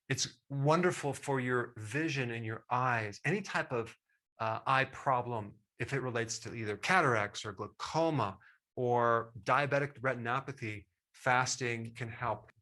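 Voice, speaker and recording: A man's voice: medium pitch, bright, forceful tone. A middle-aged man hosting a health talk straight to the viewer, enthusiastic and emphatic, with casual asides. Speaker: health educator host. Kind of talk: direct-to-camera health talk.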